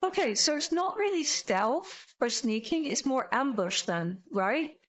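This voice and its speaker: Casting: female streamer, higher-pitched, informal reaction chat, blunt and sweary. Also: animated, measured pace.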